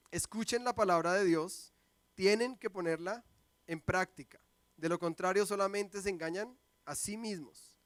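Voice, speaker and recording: A man in his thirties, a pastor, preaching a sermon and telling family stories with lively, acted-out quotes. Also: sits high, no echo. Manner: lively storytelling, acts out quoted voices. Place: church sanctuary.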